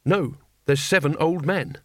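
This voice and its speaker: A man voicing uneasy, gossiping common male soldiers who talk in a slow, rough way. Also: a little high, a bit bright, no room sound, studio quality, voice pushed up.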